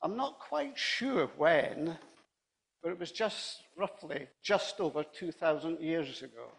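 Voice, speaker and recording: Man playing a confused old man, high and flustered, stammering, vague, slow. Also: animated, vocal fry, full character voice. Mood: unsure. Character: confused elderly man woken from sleep.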